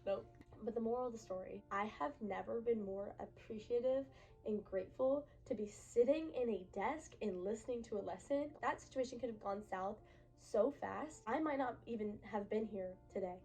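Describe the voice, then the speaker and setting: Young female vlogger, casual storyteller, slightly raised pitch, gushy and emphatic delivery, soft music bed. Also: normal speed, breathy edge, rough recording. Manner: chatty, filler-heavy, emphatic.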